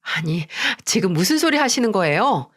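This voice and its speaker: A woman reading as a resentful daughter-in-law in a radio story, curt and dismissive. She talks back at an ordinary middle pitch, defensive and cold. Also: very animated, normal speed. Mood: curt defiant. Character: defiant, resentful young wife and daughter-in-law. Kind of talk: Korean radio story drama.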